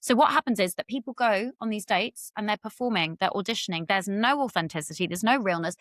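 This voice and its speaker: A woman's voice: mid-range voice, fast, a bit bright, no echo, studio quality. A middle-aged woman from Britain, a relationship expert talking candidly as a podcast guest, swearing freely and acting out quotes in a raised voice. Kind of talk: candid conversational interview.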